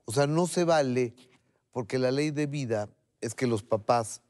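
A man's voice: medium pitch, measured pace, darkish tone. A man with a Mexican accent asking personal questions as an interviewer in a conversational style. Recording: music playing under the voice.

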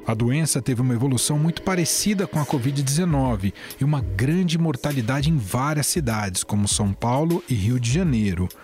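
A man reading a news report in a steady, measured way. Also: mid-range voice. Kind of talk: scripted news narration. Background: faint music bed.

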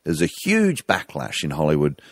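Man, very low voice, dry close sound, trivia talk. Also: huge pitch swings, normal speed, dry recording. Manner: explains trivia, matter-of-fact. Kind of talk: casual studio chat.

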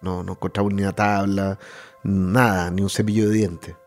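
A man's voice: low voice, level tone, faint music behind. A man with a Chilean accent giving personal testimony, often breaking off and restarting his phrases. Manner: halting, restarts mid-phrase. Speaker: interviewee.

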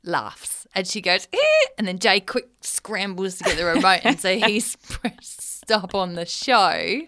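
A middle-aged woman with a bright, crisp voice, co-hosting a casual talk show. She speaks frankly and tells stories about family life, often laughing as she goes. Her voice stays in a middle register and sounds smooth. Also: medium pitch, unhurried. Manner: frank, storytelling, laughs easily. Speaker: podcast co-host. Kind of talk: casual chat.

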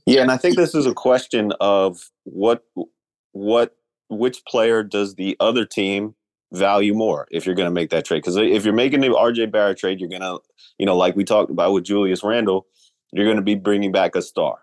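A man with a low voice talks sports in a relaxed way. He thinks aloud and weighs both options. The recording is dry and close. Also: normal speed, dry recording. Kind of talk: casual sports talk.

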